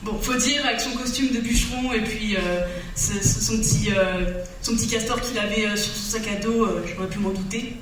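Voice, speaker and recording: On stage, a woman performer tells a comic love story, theatrical and breaking into song, in a mid-range voice at a moderate pace. It's a comic storytelling monologue with songs, captured from afar in an echoey hall with a distant mic and a noisy background.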